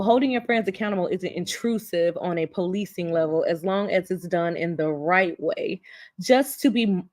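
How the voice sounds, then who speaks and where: A woman's voice: mid-range voice, a little mellow. A woman hosting a live stream show, chatting candidly and bluntly about friendship, swearing freely and laughing often. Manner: blunt and profane, laughs often, slips into acted quotes. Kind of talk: candid casual chat.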